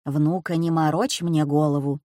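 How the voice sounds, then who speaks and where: A fussing old grandmother, as a woman reader puts her on, her voice dropped lower than the narration and slowed to a sighing drawl. She frets to her granddaughter in an audiobook story. The recording is dry and close. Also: steady tone, warm tone, dry recording, natural voice. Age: over 60.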